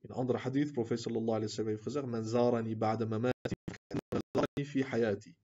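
Mellow-voiced man teaching a religious class. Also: mid-range voice, fairly even intonation, dull audio. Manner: reads quotes quickly, then explains at length with many fillers and "zie je?" asides. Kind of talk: Islamic lesson, reading and explaining texts.

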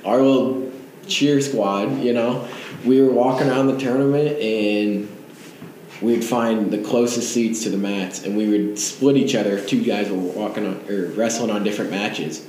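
A man's voice: lowish voice, moderate pace. Young man telling a rowdy story. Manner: rambling, animated storytelling. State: hoarse. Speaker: college wrestling teammate. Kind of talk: casual podcast chat. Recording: echoey room with faint noise.

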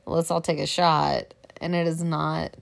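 A woman's voice: low-pitched, flat delivery, unhurried, creaky. Chatty woman laughing often. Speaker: podcast co-host. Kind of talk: casual chat.

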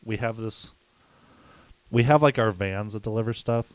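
A man's voice: lowish voice, normal speed, no room sound, low-quality recording. A young man co-hosting a podcast, telling a story in a laid-back, rambling way and chuckling between lines. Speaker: podcast co-host. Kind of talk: casual chat, telling a story.

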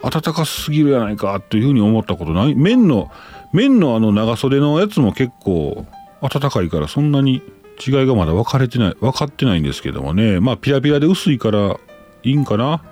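A man's voice: mid-range voice, sing-song, brisk, mellow, soft background music. A man with a Kansai accent hosting a casual talk show, reading listener letters aloud and chatting about them with his own asides. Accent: Kansai Japanese. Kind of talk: casual chat.

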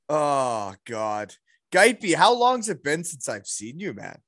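Lively laughing man on a video call. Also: on the high side, dry recording, studio quality. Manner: laughing, animated storytelling. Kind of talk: casual chat.

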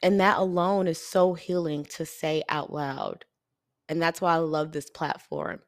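Solo podcast host, woman, low-ish voice, tired, earnest and confiding, dry close sound. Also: expressive, a little slow, dry recording. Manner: earnest, confiding, with soft laughs. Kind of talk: reflective solo podcast talk.

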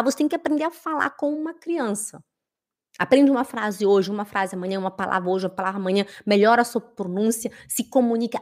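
A young adult woman giving a casual online German lesson, emphatic and animated, drilling pronunciation. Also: medium pitch. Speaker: German teacher.

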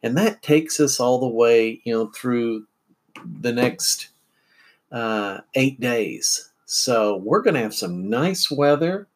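Middle-aged guy doing a chatty morning podcast at home, slow and rambly, lots of ums. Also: medium pitch, lively intonation. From central Illinois. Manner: rambling, unhurried, many fillers and restarts. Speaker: podcast host. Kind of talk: casual morning podcast chat.

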